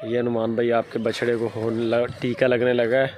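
A man's voice: medium pitch, monotone, moderate pace, a little mellow, slight background noise. A man in his thirties with a Pakistani Urdu accent, casually narrating on site at an outdoor cattle farm, recorded on a handheld phone camera. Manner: chatty, narrating while walking around livestock.

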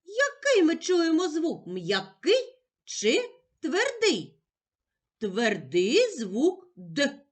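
A woman teacher with a Ukrainian accent, leading a slow, clearly spoken reading lesson for young children, patiently asking and answering her own questions and stretching out the sounds. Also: extremely high pitch, wildly swooping pitch.

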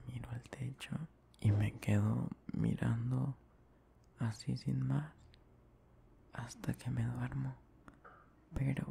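Man playing a whispering, creaky, affectionate young boyfriend, whispered role-play. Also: mid-range voice, mellow, a little hiss or hum. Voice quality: breathy whisper. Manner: slow, tender, repetitive murmuring. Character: affectionate young boyfriend soothing his partner to sleep. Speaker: ASMR performer.

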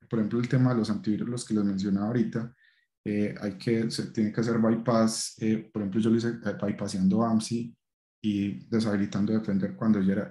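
Male presenter, warm dark tone, halting technical talk, roomy sound. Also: lowish voice. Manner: hesitant, frequent fillers and restarts.

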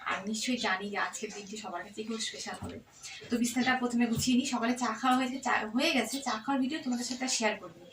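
A woman's voice: fairly high pitch, fast talker, noisy background. A middle-aged woman with a Bengali accent, chatting casually to viewers in a home vlog. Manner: lively, chatty. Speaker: vlogger. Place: bedroom at home. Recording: roomy, distant phone camera.

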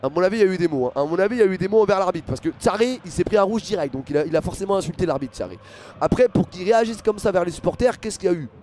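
Excitable young French man doing live football commentary. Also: sits high, rapid-fire, a little hiss or hum. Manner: excitable, many fillers, talks to chat viewers.

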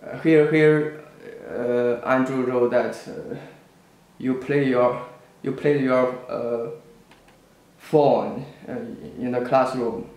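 Slow, halting man with echo. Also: medium pitch, steady tone, a little mellow. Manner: halting, many fillers and restarts, indignant. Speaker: student. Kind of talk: personal account to camera. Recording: echoey room, faint background noise.

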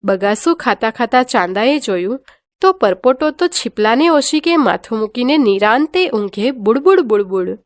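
A woman reads a children's storybook aloud in a lively, sing-song manner. Her voice sits fairly high. The recording is close and dry, with almost no room sound. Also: no room sound. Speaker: teacher reading a textbook story. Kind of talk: expressive storybook reading for children.

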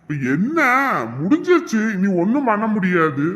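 A woman's voice: medium pitch, big pitch swings, normal speed, muffled recording, pitched below the performer's own voice, lightly acted. A woman voicing a brusque older father-in-law, drawling and dismissive. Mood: gruff, dismissive. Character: gruff older man, impatient father-in-law.

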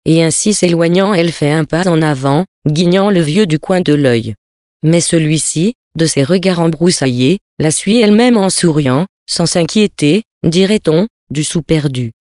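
A narrator reading a literary tale with measured, poetic phrasing. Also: medium pitch, darkish tone, no room sound, studio quality.

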